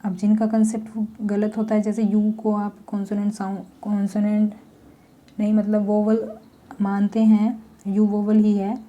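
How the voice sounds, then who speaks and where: A woman teaching a grammar lesson, slowly explaining step by step with examples. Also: medium pitch, completely flat delivery, warm tone, highs cut off.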